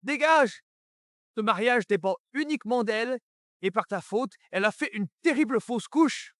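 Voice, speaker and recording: A man's voice: very high-pitched, animated, normal speed, a bit bright, no room sound, clean studio sound. A man voicing a harsh, contemptuous young executive in a French melodrama dub. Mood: angry.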